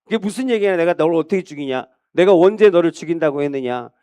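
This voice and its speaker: A preacher playing a weary old king giving his word with slow solemnity, his voice clear and smooth. The sound is close and dry. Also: on the high side, expressive, mellow, no room sound, natural voice. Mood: puzzled. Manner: solemn, vow-making. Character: aging frail old king David, solemn.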